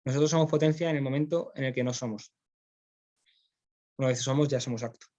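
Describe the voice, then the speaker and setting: A man's voice: mid-range voice, fairly even intonation, brisk, a little mellow, highs cut off. A man with a Spanish accent, teaching philosophy in a classroom, explaining step by step and often checking in with his students. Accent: Spain. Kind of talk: classroom lecture.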